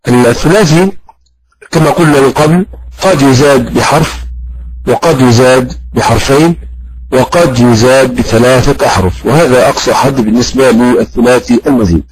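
A man teaching an Arabic grammar lesson. He talks slowly and halts often with drawn-out fillers, putting questions to his students and praising their answers. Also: mid-range voice, a little hiss or hum, low-quality recording. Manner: slow and halting, with many drawn-out fillers. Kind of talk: classroom lesson with audience questions.

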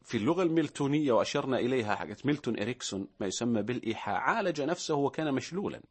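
A man's voice: mid-range voice, expressive, rapid-fire, darkish tone, slightly rough. A man, a guest expert on a talk show, who lists his points and acts out little example voices. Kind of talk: studio talk show discussion.

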